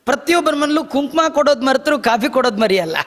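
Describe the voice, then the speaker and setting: A man giving a devotional discourse, telling stories in a lively way, chanting verses and acting out dialogue. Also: extremely high pitch, quick pace. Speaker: religious discourse speaker. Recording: long hall reverb.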